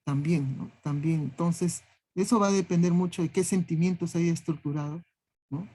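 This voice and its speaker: Teacher lecturing with a "¿no?" after each phrase. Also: male voice, fairly high pitch, fairly even intonation, moderate pace, warm tone, slightly rough. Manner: tags nearly every phrase with a questioning "¿no?"; lists traits one word at a time. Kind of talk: classroom lecture.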